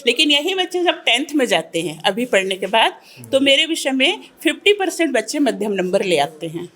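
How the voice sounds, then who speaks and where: A woman teacher calmly describing her students' marks in her subject. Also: sits high, normal speed. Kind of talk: interview answer.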